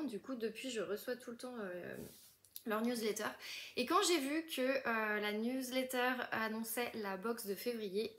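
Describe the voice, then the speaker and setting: A woman's voice: fairly high pitch, fairly bright tone. A young woman chatting casually through an unboxing, gushing often and full of fillers and restarts. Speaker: book vlogger.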